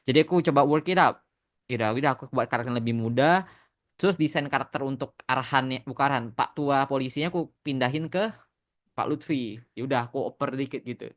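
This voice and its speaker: A podcast host and animation creator answers fan questions in a casual chat, slipping English phrases into his speech. He talks fast in a mid-range voice.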